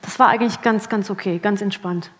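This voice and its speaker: A woman's voice: medium pitch, fairly quick. A woman actress giving an interview, chatting casually with laughter and self-mocking humor. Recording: long hall reverb.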